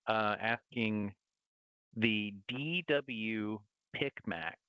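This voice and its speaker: A man's voice: on the low side, extremely slow, clean tone, no echo, highs cut off. A man with a Southern US accent hosting a webinar, upbeat and promotional as he wraps up the session. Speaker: host. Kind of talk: webinar wrap-up.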